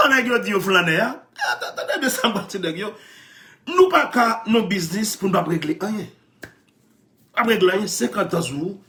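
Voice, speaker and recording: A man with a Haitian Creole accent talks in a high voice that swoops up and down. He tells his stories excitedly, laughs often and keeps repeating his phrases. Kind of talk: animated storytelling chat.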